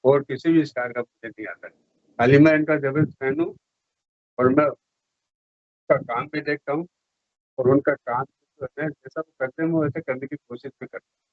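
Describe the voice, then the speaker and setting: A man's voice: mid-range voice, normal speed, long pauses, dry recording, narrow, tinny audio. A man from Rajasthan giving a casual interview as an eager fan. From Rajasthan, India. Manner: eager fan, slips into film star impressions. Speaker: interview guest, celebrity lookalike fan.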